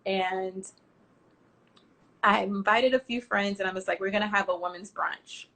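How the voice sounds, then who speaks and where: A Miami, Florida woman in her thirties, founder of a travel platform, tells her story in a casual interview. Her medium-pitched voice moves a little slowly, and she's chatty and animated, acting out quotes and filling the retelling with fillers.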